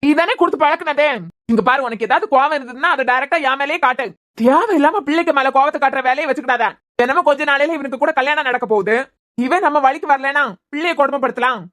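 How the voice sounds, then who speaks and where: A woman's voice: high voice, fast talker, fairly bright tone. A woman voicing a stern young father in a cartoon, scolding firmly in a Kanyakumari Tamil accent. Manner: scolding, firm. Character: stern young father defending his daughter.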